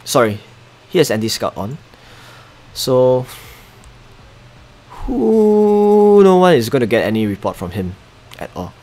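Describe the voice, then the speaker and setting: A young Singaporean man with a Singaporean accent live-streams a mobile strategy game, chatting casually, muttering asides and reading viewer chat aloud. His mid-range voice is warm, with big pitch swings, and he takes it slowly with frequent pauses.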